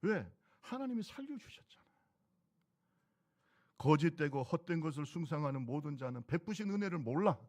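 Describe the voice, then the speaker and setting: A man's voice: a little high, sing-song, normal speed, pauses often, a little mellow. A middle-aged man preaching a sermon as pastor, exhorting the congregation with repeated calls.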